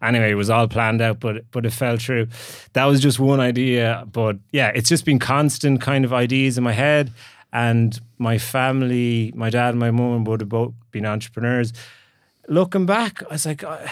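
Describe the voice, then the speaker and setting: A man's voice: mid-range voice, normal speed, dry recording. Irish guy, west of ireland accent, chatting casually on a podcast, bit self-deprecating, close dry sound. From Galway, Ireland. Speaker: podcast guest, entrepreneur. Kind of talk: casual interview storytelling.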